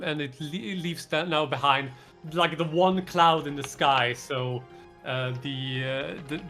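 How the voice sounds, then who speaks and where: A man's voice: medium pitch, sharp tone. A man improvising narration as game master, hesitant and often searching for words.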